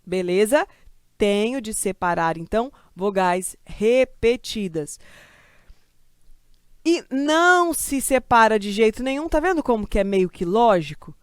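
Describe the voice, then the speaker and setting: A woman from Brazil teaching a grammar lesson for exam prep, lively and chatty, asking questions and answering them herself. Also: medium pitch, unhurried, smooth, no echo, studio quality.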